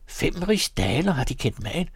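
A man's voice: medium pitch, sing-song, creaky, slightly rough, no room sound, studio quality, exaggerated voice. A man voicing a self-satisfied townsman who chatters smugly about his own good sense.

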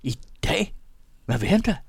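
A man voicing a small elderly gentleman, fussy and alarmed, asking shrill, indignant questions in a storybook reading. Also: big pitch swings, breathy edge, no room sound, clean studio sound, full character voice.

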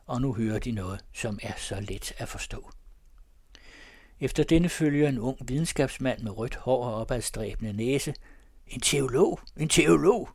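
A man narrates literary prose in a measured, descriptive reading, his voice sitting in a middle pitch. The sound is close and dry, with no room echo. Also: a little mellow.

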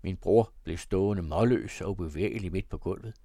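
A man reading a classic novel aloud as audiobook narrator, in a measured, even storytelling manner. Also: low voice, creaky, dry recording, clean studio sound.

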